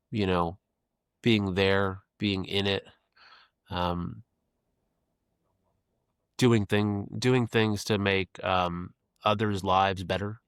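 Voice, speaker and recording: Man, 50, podcast guest; low-pitched, dry sound, earnest reflective delivery. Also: clean tone, dry recording. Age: 50s. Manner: earnest, reflective, repeats phrases while thinking. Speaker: podcast guest, creative executive. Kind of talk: casual reflective interview talk.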